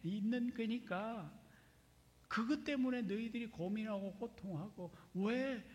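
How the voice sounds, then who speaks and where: A man, a pastor, preaching a sermon in a measured, explanatory way with pauses. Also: high voice, a little mellow. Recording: long reverb of a large hall.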